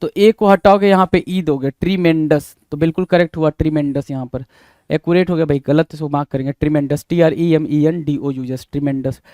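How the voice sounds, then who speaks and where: A man's voice: a little high, fairly even intonation, fairly quick, dark tone, no echo. Dry-voiced Hindi-accented man spelling words. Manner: spells words letter by letter, repeats words, says 'bhai' often. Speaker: English teacher. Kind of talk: spelling lesson, explaining answers.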